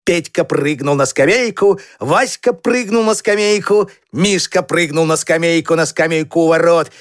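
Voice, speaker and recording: High, clear man reading children's verse. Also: normal speed, dry recording, clean studio sound. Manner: rhythmic, sing-song delivery. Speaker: reader. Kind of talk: reading children's poems aloud.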